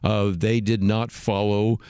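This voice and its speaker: Low-voiced male radio talk host. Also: little pitch movement, a little mellow, clean tone, dry recording, clean studio sound. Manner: measured, explanatory, frequent "uh" fillers. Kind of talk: unscripted radio commentary.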